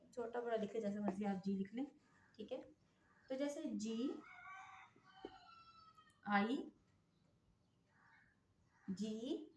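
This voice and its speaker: A woman's voice: fairly high pitch, a little mellow. Patient woman teacher in an echoey room. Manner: patient, repeats checks like "okay?" often. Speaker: English phonics teacher. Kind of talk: classroom-style lesson explanation. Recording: echoey room, faint noise.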